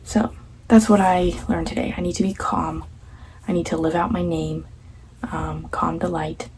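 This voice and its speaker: Young woman vlogging, low mellow voice, rambly and reflective, goes half-whisper a lot. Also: level tone, unhurried, a little hiss or hum, low-quality recording. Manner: musing, repeats herself, many fillers and soft half-whispered asides. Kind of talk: casual reflective vlog.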